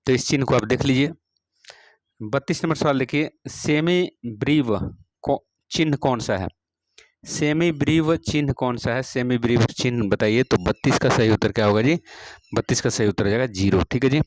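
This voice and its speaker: A man at a middle pitch takes students through practice exam questions on music. He says each question twice and settles every answer with a steady "all right". His voice sounds close and dry, with no room echo. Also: moderate pace. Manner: repeats each question, fills with "theek hai ji". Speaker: music teacher.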